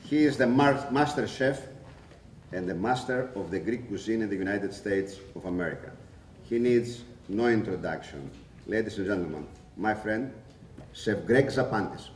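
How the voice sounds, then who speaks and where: An older man with a lowish voice introduces each panelist in a formal emcee style. He speaks into a table mic in a large function room. The sound is roomy and distant, with faint room noise. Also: moderate pace. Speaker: panel moderator. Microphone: table mic on a stand, camera at a distance.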